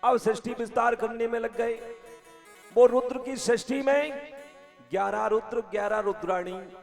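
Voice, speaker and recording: A man's voice: extremely high pitch, fairly even intonation, unhurried, vocal fry. A man preaching a devotional scripture story, telling it dramatically and breaking into song. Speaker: katha preacher. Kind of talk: devotional scripture storytelling sermon with sung bhajan. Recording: live music accompaniment behind voice.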